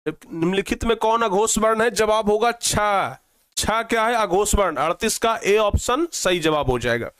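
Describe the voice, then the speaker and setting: A man's voice: high voice, lively intonation, normal speed, a bit bright, no echo, studio quality. A man teaching an exam-prep grammar lesson, coaxing students and repeating each question.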